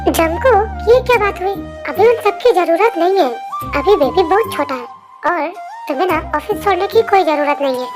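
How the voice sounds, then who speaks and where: A woman voicing a patient, gentle pregnant wife in a fan story narration, speaking soothingly. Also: very high-pitched, lively intonation, normal speed. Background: faint music.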